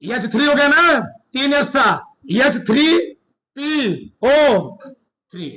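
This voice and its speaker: A male chemistry teacher gives a brisk classroom lecture in a strikingly high, bright, forceful voice with lively intonation, captured on poor audio. He drills the class with call-and-response questions he answers himself, then dictates notes word by word with repeats.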